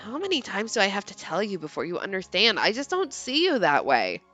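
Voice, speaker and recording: A woman voicing a blunt, exasperated high-school boy who flatly brushes someone off, reading game text aloud. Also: a little fast, no room sound, dull audio, faint music behind. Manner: flat, dismissive, blunt.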